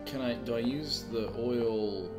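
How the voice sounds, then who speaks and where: A man's voice: mid-range voice, unhurried. A man streaming a video game live, joking with wry asides as he plays. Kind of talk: live gameplay commentary. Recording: streamer mic with game music behind.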